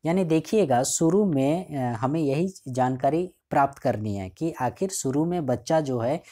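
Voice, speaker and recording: Mellow-voiced man explaining a school lesson. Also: on the high side, animated. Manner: reads English lines slowly, then explains them casually; frequent checking fillers. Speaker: teacher. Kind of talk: line-by-line explanation of a school chapter.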